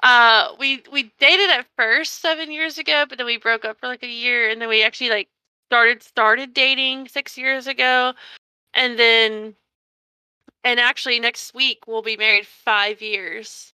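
A woman's voice: a little high, fairly even intonation, unhurried, bright, forceful tone, smooth, no echo. A young woman co-hosting a podcast in casual chat, rambling and correcting herself as she goes, often laughing. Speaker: podcast co-host.

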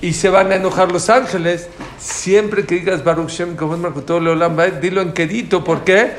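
A man's voice: high-pitched, fairly even intonation, normal speed. A man teaching a religious class. He is emphatic, repeats his key points and answers students' questions directly. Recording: roomy, faint background noise.

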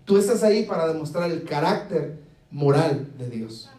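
In an echoey church hall, a pastor delivers a sermon in a fairly high, warm voice with lively intonation at a normal speed. He keeps asking the congregation "¿Está conmigo?" to check they're following, and he acts out little dialogues with humor.

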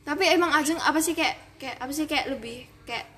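A woman's voice: high voice, a little fast, bright, forceful tone. A teenage girl chatting casually with a friend, hesitant with many fillers. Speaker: podcast co-host. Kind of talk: casual gossip chat.

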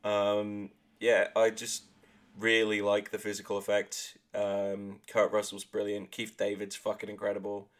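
A man's voice: lowish voice, completely flat delivery, a little slow. A man co-hosting a casual podcast chat, sweary and rambling, with laughing asides. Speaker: podcast co-host.

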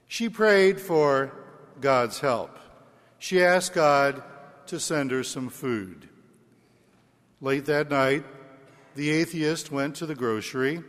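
A male priest reading the gospel and preaching in a slow, measured church style, with a cathedral echo. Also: fairly high pitch, fairly bright tone. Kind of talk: liturgical gospel reading and homily. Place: large church. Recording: long church hall reverb.

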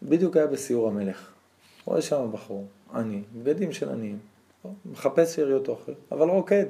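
A rabbi giving a religious lesson, telling stories and checking in with his listeners in an animated way. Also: mid-range voice, gravelly.

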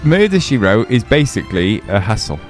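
A man's voice: fairly low pitch, big pitch swings, brisk, faint music behind. A man co-hosting a casual podcast chat, teasing and laughing often. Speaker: podcast co-host.

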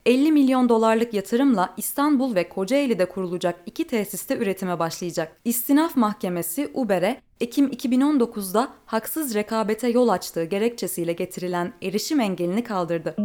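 A woman hosting a news podcast, reading a scripted bulletin in a clear, measured way. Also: mid-range voice, a little mellow. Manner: clear, measured newsreader delivery.

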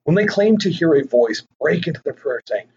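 A man's voice: fairly high pitch, animated, a little fast, darkish tone. A young adult man hosting a podcast, telling a story casually with profane, jokey asides, on a dull lo-fi recording. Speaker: podcast host. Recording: dull lo-fi recording with faint noise.

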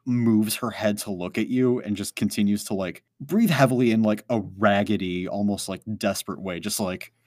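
A man's voice: lowish voice, normal speed, few pauses, a little mellow, no echo, clean studio sound. A man narrating a tabletop game as game master, rambling with many fillers. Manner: rambling, full of "like" and "um".

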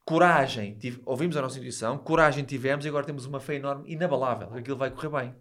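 A man with a European Portuguese accent talks very quickly in a medium-pitched voice. He is an interview guest chatting casually, insistent and emphatic, restating his points as he goes. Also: steady tone, fairly bright tone. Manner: emphatic, insistent, repeats himself. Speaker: interview guest, book author. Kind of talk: casual chat.

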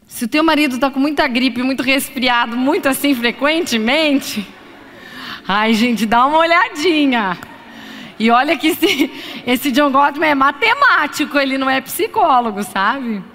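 High-voiced woman lecturing in a reverberant hall. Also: measured pace. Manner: expressive, acts out examples in voices. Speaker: psychologist giving a lecture. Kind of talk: live lecture to an audience.

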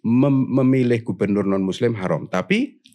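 A man in a casual panel discussion, explaining his views in a measured way, often pausing and restarting. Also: medium pitch, mellow.

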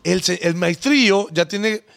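A man in his forties with a Honduran accent hosts a casual podcast. He tells stories in an animated, slang-heavy way. His voice sits a little high for a man. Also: unhurried, gravelly. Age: 40s. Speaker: podcast host. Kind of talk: casual chat.

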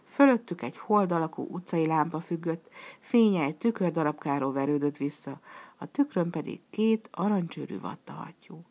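A woman reading a children's story aloud as narrator, steady and expressive. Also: deep voice.

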